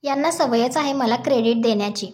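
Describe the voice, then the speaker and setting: A woman voicing a gentle, modest young village wife in a plain reading voice, humble and earnest. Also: fairly high pitch, a little fast, close to an everyday voice.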